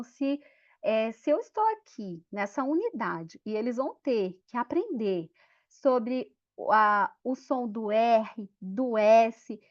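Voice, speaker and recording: A woman giving a lively teacher training talk, acting out classroom scenes in voices. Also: on the high side. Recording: dull lo-fi sound.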